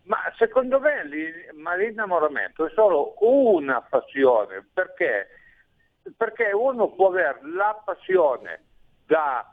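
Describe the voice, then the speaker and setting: A man's voice: sits high, big pitch swings, takes it slowly. A man calling in to a radio show, speaking over a phone line in a rambling, hesitant way with many restarts. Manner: rambling, hesitant, self-correcting. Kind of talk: call-in comment on a radio show.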